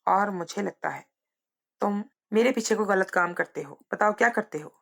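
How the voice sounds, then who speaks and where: A woman's voice: mid-range voice, moderate pace, gravelly. A woman voicing a sad, worried mother. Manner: sad, questioning. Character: worried mother questioning her son.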